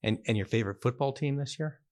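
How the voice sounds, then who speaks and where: A man hosting a casual podcast interview, framing his questions in a halting way with repeated words. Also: medium pitch.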